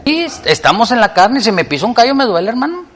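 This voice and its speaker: Male preacher, higher voice, impassioned sermon delivery, reverberant hall. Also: sing-song, quick pace. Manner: impassioned preaching, swinging between loud appeals and hushed prayer. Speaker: pastor.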